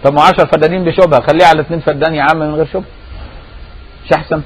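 A man's voice: fairly high pitch, steady tone, racing, slightly rough, poor audio. A man with an Egyptian accent giving a religious lesson, conversational and often checking his listeners' understanding with rhetorical questions. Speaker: Sufi scholar teaching a lesson.

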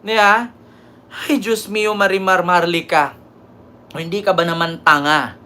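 A woman's voice: on the low side, steady tone, a little slow, bright, forceful tone. A woman hosting a political commentary show, mocking and scornful, constantly asking her listeners for agreement.

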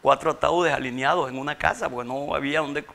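A man recounts a painful loss in an interview. His voice sits a little high, with a gravelly edge and a bright, tense tone. He halts and repeats words through his tears. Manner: halting, repeats words when overcome. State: tearful, grieving. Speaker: interview guest, bereaved father. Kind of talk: emotional interview testimony.

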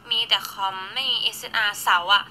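Bright chatty young Thai woman. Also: medium pitch, brisk, slight background noise, low-quality recording. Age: 20s. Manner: chatty, eats and reads viewer gifts while talking. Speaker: live streamer. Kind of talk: casual live stream chat.

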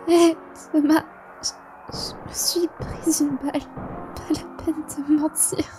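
A woman's voice: extremely high pitch, expressive, fairly quick, music in the background. A woman acting an affectionate, teasing young girlfriend in an audio drama, with a cutesy manner. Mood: dying, whispering.

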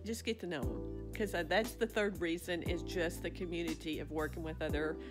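A woman's voice: lowish voice, fairly even intonation, fairly quick, over music. A middle-aged woman, talking casually to her phone camera in a small indoor office. She speaks in a folksy, rambling way, often restarting or trailing off. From Arkansas. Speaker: vlogger, physician and farmer. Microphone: phone camera up close.

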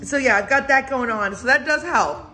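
A woman's voice: sits high, normal speed. A woman vlogger doing a pepper challenge, gasping and exclaiming while her mouth burns, then laughing and chatting casually. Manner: animated, exclaiming, laughing through the burn. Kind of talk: casual home video chat.

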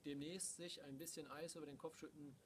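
A man's voice: on the high side, fairly even intonation, brisk. A middle-aged man co-hosting a casual, unscripted video outdoors, talking to a camera a few metres away. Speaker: podcast co-host. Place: outdoors in a garden. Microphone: camera mic a few metres away. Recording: noisy outdoor camera recording from a distance.

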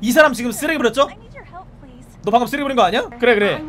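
A man giving playful, animated live commentary while streaming a police game, often shouting commands at the game's characters. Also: very high voice, quick pace.

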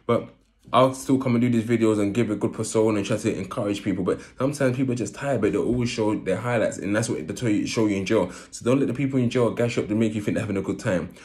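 A vlogger with a lowish, slightly mellow voice shares personal stories in a relaxed way to camera. He talks in an urban London accent peppered with roadman slang, often repeating phrases for emphasis.

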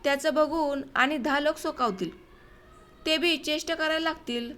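An enraged young village husband, read by a woman narrator, spits out bitter, shouting outbursts. The voice sits high for a man and stays clearly within a spoken storybook reading. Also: normal speed. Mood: furious.

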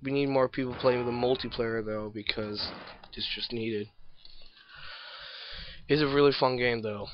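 A man's voice: medium pitch, fairly even intonation, measured pace, long pauses, slight background noise. Guy mumbling thru his gameplay, hiccuppy and yawny, kinda muffled cheap mic. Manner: rambling, self-deprecating, chuckles at his own misses. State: hiccups and yawning. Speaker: gameplay video maker. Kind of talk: casual gameplay commentary.

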